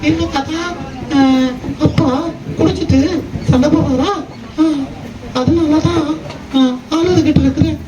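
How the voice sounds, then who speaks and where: A woman's voice: high-pitched, fairly even intonation, unhurried, pauses often, echoey room, distant mic, lo-fi sound. A woman playing the pleading young daughter of a drunk father in a church stage skit. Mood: tearful. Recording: loud background noise.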